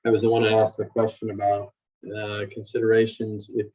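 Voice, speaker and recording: A man's voice: lowish voice, completely flat delivery, fairly quick, a little mellow. A man giving a hesitant, trailing public comment over a distant, muffled call.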